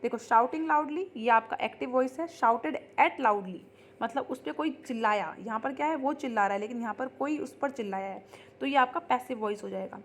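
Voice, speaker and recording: A woman teaching English grammar, her voice pitched a little high. She explains patiently, reads each example sentence slowly and keeps checking in with the class. A faint hiss sits under the recording. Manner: repeats ठीक है as a check-in. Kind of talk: recorded online grammar lesson.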